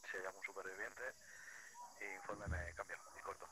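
A man speaking over an in-game radio as a military radio operator, using formal procedure in a measured, clipped way. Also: low voice, level tone, very noisy. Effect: heard over an in-game radio.

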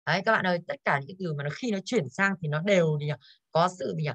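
A woman's voice: fairly low pitch, racing, fairly bright tone, dry recording. A woman English teacher going over exercises in an online class, tired and coughing now and then, who keeps putting questions to her students.

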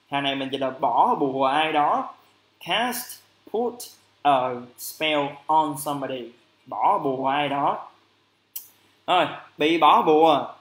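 A man teaching an English vocabulary lesson on a livestream, lively and chatty, stretching out English phrases slowly. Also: on the high side, reverberant.

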